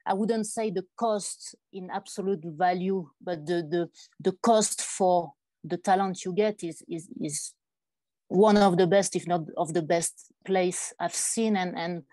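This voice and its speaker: Mellow, low-voiced woman on a business panel. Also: measured pace, no room sound. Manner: hesitant, many restarts and fillers. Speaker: startup executive on a panel. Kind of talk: panel discussion.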